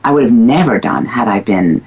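The speaker is a woman with a slightly rough bass voice, lively intonation and normal speed. A former physical therapist and guest in a casual conversation, she talks candidly and emphatically and calls herself a loudmouth, captured in a dull lo-fi recording.

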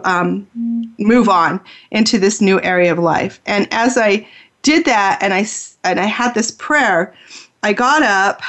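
A woman who hosts a spiritual healing radio show, telling a personal story in an earnest, heartfelt way. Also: mid-range voice.

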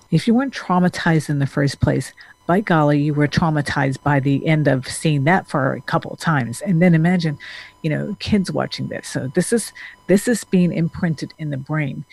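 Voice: medium pitch, darkish tone. A therapist who grew up in Denmark talks straight to the camera in an earnest, meandering way. The speaker often restarts sentences and reaches for words. The sound is dry and close, with no room echo. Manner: earnest, rambling, with frequent restarts and fillers. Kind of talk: casual talking-head monologue.

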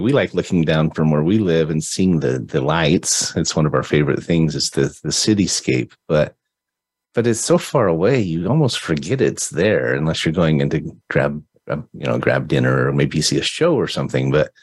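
A man's voice: sits low, husky. A middle-aged man hosting an interview in a friendly, chatty way, often restarting his sentences. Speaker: podcast host. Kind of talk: conversational interview.

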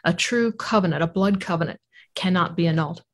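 A woman's voice: on the low side, a little fast. Emphatic woman co-hosting a podcast. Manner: emphatic, stacks points for effect. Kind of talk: conversational explanation.

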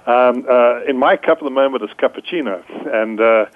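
A man's voice: medium pitch, brisk, a little hiss or hum. A man calling in as a radio panel guest, playful and chatty about gadgets. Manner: playful, animated, self-styled gadget freak. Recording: phone-like call-in line.

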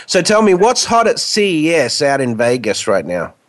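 A man hosting a radio show in a casual, chatty, hesitant way, his voice croaky and hoarse with flu. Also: fairly high pitch, wildly swooping pitch, moderate pace.

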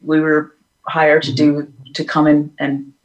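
A woman's voice: low-pitched, completely flat delivery, a little slow, highs cut off. A woman singer being interviewed, telling stories in a rambling way with many restarts and laughs. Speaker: singer guest. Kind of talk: casual interview storytelling.

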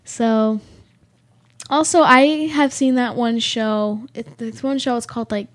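A woman's voice: on the high side, steady tone, unhurried. Chatty teen girl co-hosting radio. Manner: chatty, giggly, filler-heavy with lots of likes and ums. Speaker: student radio co-host. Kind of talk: casual chat on air.

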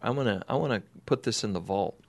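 A man's voice: on the low side, quick pace, creaky. A man hosting an investing radio show, chatting casually, rambling and laughing as he reads articles aloud.

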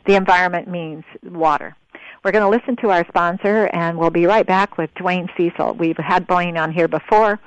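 A woman's voice: on the low side, fairly even intonation, normal speed, clear, resonant tone, no room sound. Woman radio host, dull lo-fi sound. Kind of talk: conversational radio interview.

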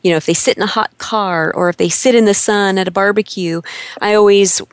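A woman's voice: mid-range voice, fairly even intonation, a little fast, clean tone, no echo. Enthusiastic woman host, dry close sound. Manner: upbeat, enthusiastic questions. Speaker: interview host. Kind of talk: hosted interview.

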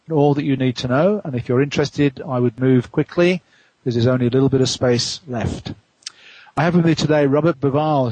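A man hosting a radio talk show, making measured, steady announcements and introducing his guest. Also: mid-range voice, slightly rough, no echo, rough recording. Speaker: radio host.

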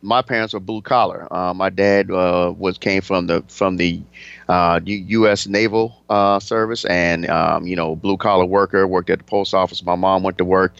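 A man's voice: sits low, fairly even intonation, normal speed, vocal fry, clean tone, dry recording, lo-fi sound. A man hosting a radio interview show, chatting casually and often stumbling over and repeating his words. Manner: stammering, repeats words when flustered.

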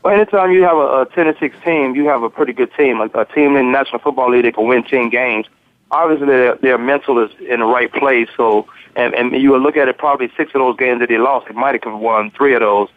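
A man's voice: mid-range voice, fast talker, no echo. Male co-host on a phone line; casual, repetitive analysis; thin phone sound. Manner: repeats words, loose and talkative. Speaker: sports radio co-host and analyst. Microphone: telephone.

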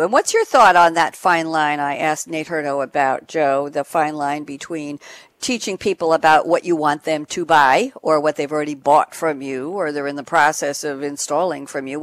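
Woman host, lowish voice, dry sound, eager panel moderator. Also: dry recording. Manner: enthusiastic, reads intros and quotes aloud. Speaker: podcast host. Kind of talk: hosting a panel discussion.

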